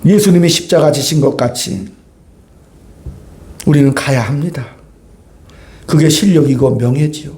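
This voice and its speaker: A man's voice: on the high side, moderate pace, pauses often, dark tone. A male pastor giving a conversational sermon, often asking his congregation for agreement as he goes. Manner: conversational preaching, keeps prompting the congregation for agreement. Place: church sanctuary. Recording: echoey church room.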